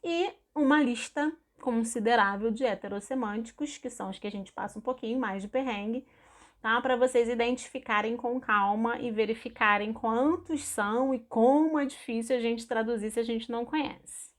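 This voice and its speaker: Brazilian woman teacher, fairly high voice, explanatory online lesson. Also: moderate pace. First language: Portuguese. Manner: explanatory, checks in with frequent "tá?". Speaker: Spanish teacher. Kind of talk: screen-recorded online lesson.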